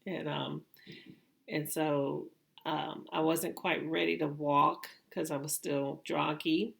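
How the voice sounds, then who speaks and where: Gravelly, low-voiced middle-aged woman. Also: fairly even intonation, slow, fairly bright tone. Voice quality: gravelly, creaky voice. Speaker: vlogger recounting own surgery. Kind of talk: casual personal storytelling.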